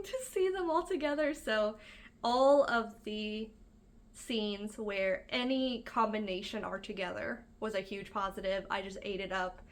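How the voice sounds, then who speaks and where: Woman rambling on her vlog, lots of um and like, super excited. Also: mid-range voice. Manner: chatty, gushing, many fillers and likes. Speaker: book-reading video host. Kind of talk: casual reaction vlog.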